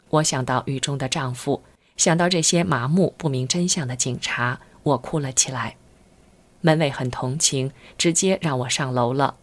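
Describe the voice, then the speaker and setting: Low-voiced woman reading her story. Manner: earnest, steady storytelling. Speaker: narrator of a personal account. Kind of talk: read-aloud first-person testimony.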